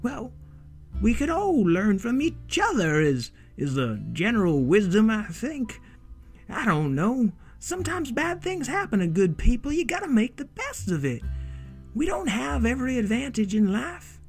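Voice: medium pitch, sing-song, measured pace, soft background music, pitched above the performer's own voice. A storyteller voicing a rusty old robot who talks in a folksy way, rambles, repeats himself and glitches with error messages. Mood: glitchy. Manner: folksy drawl, trails off and repeats itself.

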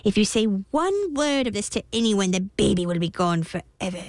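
A woman reading a storybook aloud and voicing a sly, spiteful little male imp with slow, drawn-out, mocking lines. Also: medium pitch, expressive, a little mellow, no room sound, studio quality, close to an everyday voice. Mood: taunting.

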